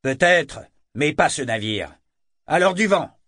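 A man's voice: on the high side, lively intonation, a little slow, fairly bright tone, dry recording, clean studio sound, pitched above the performer's own voice. A man voicing a petty, tyrannical ship's lieutenant who barks authoritative orders from the deck. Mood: barking.

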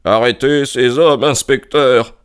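A man's voice: medium pitch, a little slow, smooth, pitched above the performer's own voice, close to an everyday voice. A man doing a cool, clipped detective in a read-aloud mystery, commanding and precise. His voice is raised a little above his own and set slightly back from the microphone. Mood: urgent. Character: sharp, commanding male detective, middle-aged.

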